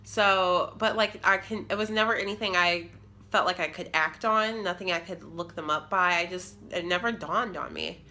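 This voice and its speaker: Faint music plays behind a woman in her twenties whose lowish, pushed, bright voice moves at normal speed. The vlogger rambles casually through a personal story with lots of fillers, sitting on the living room floor and sounding nasal and congested from a cold.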